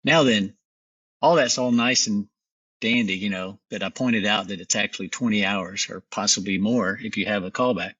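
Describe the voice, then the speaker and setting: A man's voice: lowish voice, normal speed, fairly bright tone, breathy edge, no room sound, distant mic, highs cut off. A middle-aged man, a company founder, talking confidently and emphatically as a guest in a business interview.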